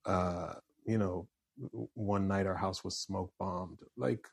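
A Canadian man in his forties with a fairly neutral accent, a musician talking in a relaxed interview, restarting phrases as he thinks. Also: low voice, slow pace, creaky, breathy edge. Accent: fairly neutral Canadian English. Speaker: musician and voiceover artist guest. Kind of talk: casual interview chat.

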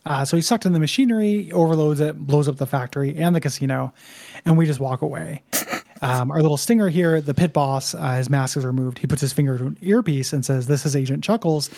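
A man's voice: a little high, brisk, creaky, mellow. A man co-hosting a show, recapping a game story in loose, laid-back casual conversation. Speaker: co-host of a video game discussion show.

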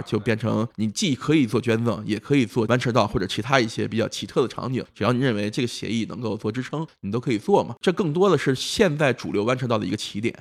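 A man explaining in a casual podcast discussion, informal and emphatic, checking in with tag questions. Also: medium pitch. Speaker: knowledgeable podcast speaker.

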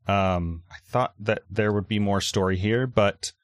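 Low-voiced, halting male game master. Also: fairly even intonation, dry recording, clean studio sound. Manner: halting, hesitant delivery. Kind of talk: improvised tabletop game narration.

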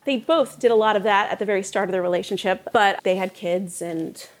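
A middle-aged woman from New Jersey chats candidly about her life in an onstage conversation. Her voice is ordinary in pitch, and she talks freely and laughs often. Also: a little fast. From northern New Jersey. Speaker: cookbook author. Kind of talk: casual conversation on stage.

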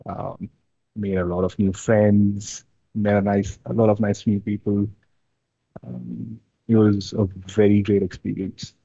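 A young man from India, chatting casually as an interview guest, relaxed and hesitant with many fillers. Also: fairly low pitch, a little slow, vocal fry, husky, no echo, dull audio. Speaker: interview guest, amateur drifter.

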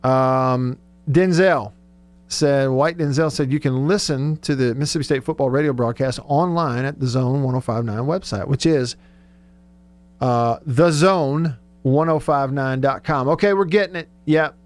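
On a casual sports talk radio show, the male host reads out listener texts in a chatty, joking way. His voice sits in the mid-range and moves at a measured pace, picked up close on a studio radio mic.

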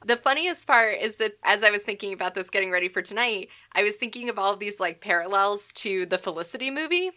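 A woman's voice: medium pitch, expressive, quick pace, few pauses, sharp tone. A young adult woman co-hosting a podcast, chatting casually with a dry, playfully exaggerated manner. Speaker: podcast co-host. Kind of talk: casual sarcastic chat.

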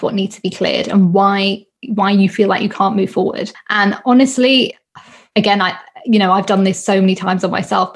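A woman's voice: mid-range voice, slightly rough. A British woman in her thirties, a guest and healing coach, talking earnestly in a casual interview and repeating her points with emphasis. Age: 30s. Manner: earnest, emphatic, repeats phrases, laughs often.

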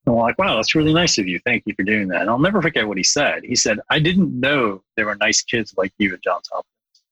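A man's voice: lowish voice, animated, fast, sharp tone, breathy edge, no echo, poor audio. A middle-aged man from Bangladesh, a guest in a podcast interview, speaking earnestly and thoughtfully with frequent restarts.

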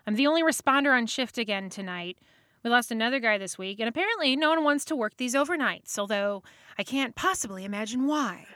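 A woman's voice: on the high side, lively intonation, brisk, bright, forceful tone, no room sound, studio quality. A woman playing a bored, flippant emergency call responder in an audio drama, casual and sarcastic. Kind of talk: naturalistic audio drama dialogue.

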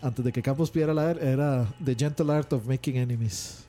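A man's voice: mid-range voice, normal speed, mellow, soft background music. A man in casual podcast chat, making dry, sardonic remarks. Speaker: podcast co-host.

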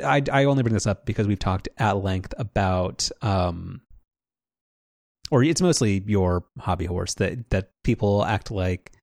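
Gravelly low-voiced man chatting. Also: a little mellow, no room sound. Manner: rambling, many restarts and fillers, dry sarcasm. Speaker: podcast co-host. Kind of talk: casual podcast chat.

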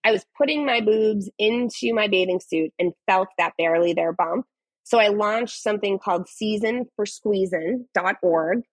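A young adult woman speaking as a podcast guest, earnest and animated, often restarting her sentences. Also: mid-range voice, normal speed, no echo, rough recording. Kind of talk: casual interview conversation.

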